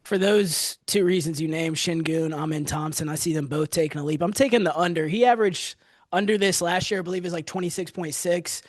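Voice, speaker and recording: A man's voice: on the high side, brisk, dry recording. A young man co-hosting a casual sports podcast, running segments and firing off lists of player names. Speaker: podcast co-host.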